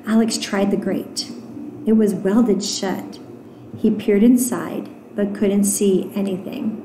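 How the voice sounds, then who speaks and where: A woman teacher reading a novel aloud to her students, stopping for gentle explanatory asides with fillers. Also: medium pitch, steady tone, slow pace, slight background noise. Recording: roomy echo.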